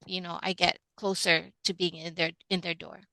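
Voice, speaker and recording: Female nurse from Hawaii, webinar panelist, chatty, bright tone. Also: lowish voice, flat delivery, normal speed, no echo, low-quality recording. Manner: chatty, laughing asides.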